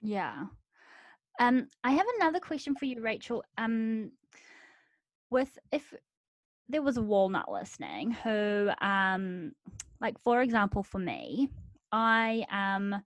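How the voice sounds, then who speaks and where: A woman's voice: mid-range voice, big pitch swings, takes it slowly, no room sound. Chatty, giggly woman podcast host. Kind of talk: casual interview chat.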